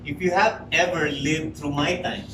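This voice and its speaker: Talking directly to the crowd, a man in his forties gives an emphatic, rhetorical prepared speech in a meeting room. His highish voice keeps a fairly even intonation at a moderate pace. The recording picks up a roomy, noisy hall from a far-off mic.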